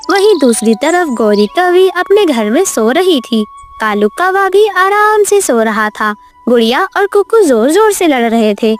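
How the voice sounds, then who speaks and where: A woman narrating a children's cartoon story in an expressive, sing-song way. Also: high voice.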